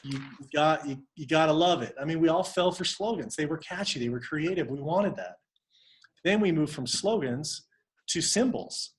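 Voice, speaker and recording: A man leads a team coaching session over a video call. His voice sits a little high for a man, and he speaks conversationally, acting out example exchanges as he teaches. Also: normal speed. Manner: conversational, acts out sample dialogues. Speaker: network marketing team coach.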